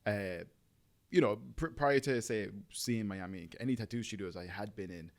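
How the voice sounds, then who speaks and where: An Irishman in his thirties, a tattoo artist from Ireland, chats casually as a podcast guest. His voice is lowish at a normal speed, and he rambles with plenty of fillers like "you know."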